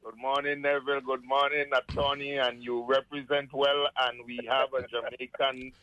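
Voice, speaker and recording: A man's voice: mid-range voice, little pitch movement, normal speed, pushed and bright, lo-fi sound. A man who is an attorney, calling in as a guest on political talk radio, speaking emphatically.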